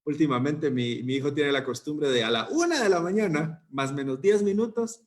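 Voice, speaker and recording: A man preaches at a youth service. His voice sits somewhat high for a man, and he keeps a conversational tone with rhetorical questions and small restarts. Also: lively intonation, moderate pace. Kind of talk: sermon.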